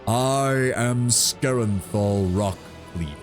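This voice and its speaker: Man playing a slow, solemn ancient treant. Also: mid-range voice, faint music behind, natural voice. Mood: solemn, pleading. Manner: grandiose, ponderous oratory. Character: ancient gnarled male treant guardian, solemn and grandly formal. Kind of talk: fantasy game dialogue read aloud.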